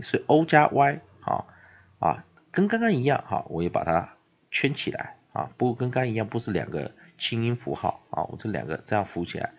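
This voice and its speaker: A man with a Taiwanese Mandarin accent teaching an English phonics lesson, filling his talk with drawn-out sounds and repeating the example words slowly. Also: sits low, gravelly. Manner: repetitive filler particles, drawn-out example words. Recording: dull lo-fi recording.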